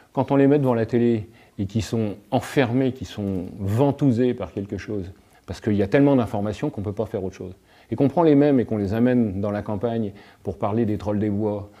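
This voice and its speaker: Mellow-voiced man musing philosophically. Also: mid-range voice. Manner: reflective, illustrates points with everyday anecdotes, tags phrases with "hein". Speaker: guest, alchemist and author. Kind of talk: reflective philosophical talk.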